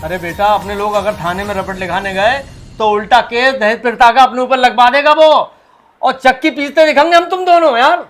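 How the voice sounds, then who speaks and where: Man as a worried groom's dad, very high voice, flustered, faint music. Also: fairly even intonation, brisk, fairly bright tone. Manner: exasperated, fretful. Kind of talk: web-series family drama acting. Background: background music.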